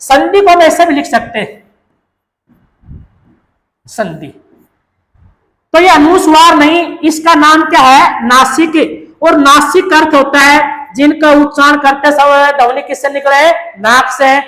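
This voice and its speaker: A woman's voice: high-pitched, slow, a bit bright. A woman teaches a grammar class. She keeps asking questions and answering them herself, drilling each term again and again. The sound is echoey, as if recorded in a bare room. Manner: asks questions and answers them herself, repeating key terms.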